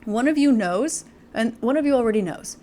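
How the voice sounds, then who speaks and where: A woman's voice: a little high, animated, fairly quick, dark tone, a little hiss or hum. A woman giving a casual tarot reading to camera, chatty and full of fillers, laughing often. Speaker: tarot reader.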